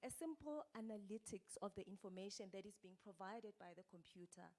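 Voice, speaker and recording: A woman speaks as a panelist, explaining at a measured pace with a few restarts. Her voice sits in an ordinary middle pitch. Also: lively intonation, a little mellow. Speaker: panelist from an accounting body. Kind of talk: panel discussion.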